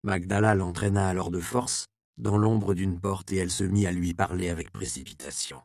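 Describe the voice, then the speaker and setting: A man narrating a historical novel in a steady, measured reading. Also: low voice, gravelly, no room sound, clean studio sound. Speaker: audiobook narrator. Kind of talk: scripted narration.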